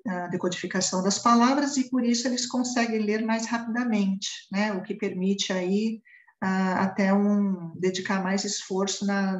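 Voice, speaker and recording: A woman from Brazil talks through a teacher-training presentation at a medium pitch. She speaks in a loose, explanatory way, with frequent fillers and restarts and a habitual tag question. The room around her is noticeably echoey. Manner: many fillers and restarts, repeated "né?". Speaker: education trainer.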